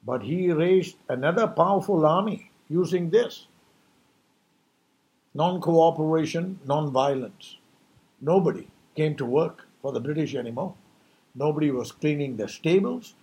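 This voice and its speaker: A man's voice: a little high, lively intonation, measured pace, a little mellow. A man delivering an impassioned New Year message as a rhetorical monologue, emphatic and preachy, full of rhetorical questions.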